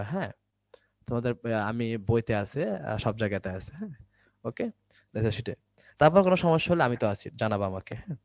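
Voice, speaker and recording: A young man at an average pitch runs an online Bangla grammar lesson from indoors, repeatedly tossing out short questions to check on students before supplying the answers himself. The recording is dry and close-miked, without any echo.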